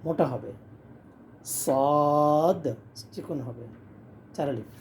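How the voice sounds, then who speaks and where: A man's voice: medium pitch, unhurried, mellow, a little hiss or hum. A man with a Bangladeshi Bengali accent teaching Arabic letters, explaining plainly and then drawing out each letter name in a chanted recitation. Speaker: Quran reading teacher. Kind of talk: slow letter-by-letter recitation lesson.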